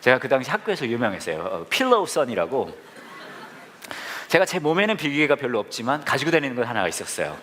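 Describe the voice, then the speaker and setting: A man's voice: mid-range voice, very animated, fast talker, noisy background. A male pastor giving a sermon, telling a humorous personal story with asides to the congregation.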